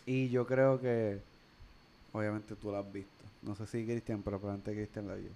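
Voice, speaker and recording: A man's voice: lowish voice, little pitch movement, normal speed, dark tone, slight background noise. A man with a Puerto Rican Spanish accent, co-hosting a casual podcast chat about films, blunt and swearing freely. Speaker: podcast co-host.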